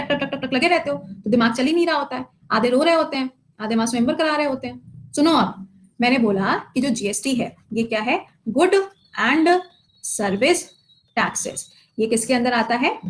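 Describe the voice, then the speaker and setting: Female teacher, high voice, live online class, quizzes students and answers herself, playful scolding.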